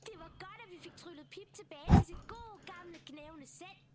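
A woman voicing a kindly helper in a children's video game, with a gentle storybook tone. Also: extremely high pitch, soft background music. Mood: pleased.

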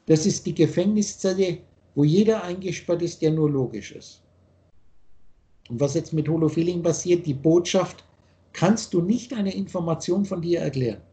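An older man holds forth over a video call, his voice pitched high yet dark and mellow in tone. He lectures like a spiritual teacher, rambling and insistent, often breaking off and restarting his sentences. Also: moderate pace. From Austria.

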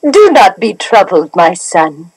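Wise queen mother, breathy and reassuring, dry studio. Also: mid-range voice, very animated, slow pace, a little mellow, dry recording, full character voice, poor audio. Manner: soothing, reassuring. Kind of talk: 1970s storybook record drama.

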